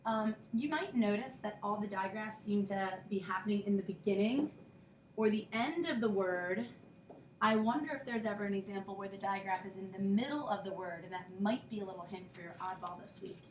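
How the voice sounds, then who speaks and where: A woman's voice: mid-range voice, brisk, darkish tone, far from the mic, slight background noise. A woman teaching a recorded phonics lesson, patiently explaining step by step and sounding out letter sounds. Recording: echoey room, voice a bit off-mic.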